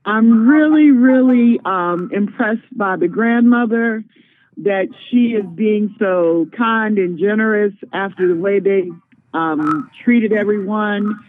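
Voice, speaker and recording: A middle-aged woman calling into a show, giving her opinion earnestly with many pauses and ums. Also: medium pitch. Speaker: caller. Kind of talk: call-in opinion. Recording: tinny phone line, crowd noise behind.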